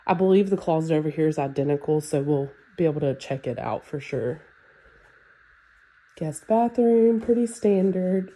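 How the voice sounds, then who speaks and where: Speaking at a moderate pace in a low voice, a woman plays a real estate agent casually walking through a house. A sinus infection leaves her sounding stuffy, nasal and congested. She keeps the home tour relaxed and chatty, dropping fillers like "um" and "like".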